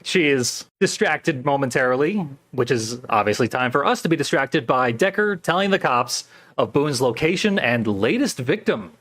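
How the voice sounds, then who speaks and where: A man's voice: medium pitch, animated, moderate pace, fairly bright tone. A man co-hosting a casual film podcast, recapping plot steadily and adding dry, wry remarks. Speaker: podcast co-host.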